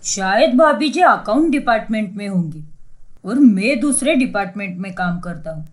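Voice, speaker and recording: A woman's voice: medium pitch, expressive, moderate pace, lightly acted. A woman voicing a blunt, matter-of-fact young male factory worker in a cartoon story.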